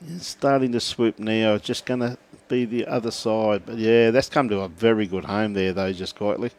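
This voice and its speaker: A man's voice: lowish voice, fairly even intonation, normal speed. A man with an Australian accent commentating a lawn bowls match, joking and laughing often as he reads out viewer messages. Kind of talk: live sports commentary, chatty.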